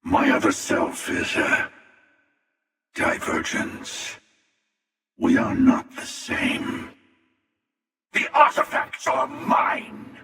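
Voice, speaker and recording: An actor playing a menacing, arrogant, world-weary hunter villain in a video game, with a gravelly voice and a deliberate, sardonic delivery. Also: male voice, very high-pitched, huge pitch swings, pushed and bright, heavily acted. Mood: cold, menacing. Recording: echoey, long reverb, distant.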